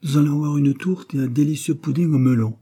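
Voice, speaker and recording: A man's voice: a little high, fast, mellow, breathy edge, pitched above the performer's own voice. A man reading aloud voices an indulgent wealthy mother who soothes her sons at dinner. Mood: soothing.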